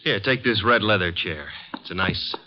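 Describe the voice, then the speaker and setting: Man as breezy, animated sidekick Archie Goodwin. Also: on the low side, normal speed, close to an everyday voice. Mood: wisecracking. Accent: American. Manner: breezy, glib. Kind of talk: 1950s American radio drama acting and narration. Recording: muffled vintage radio recording.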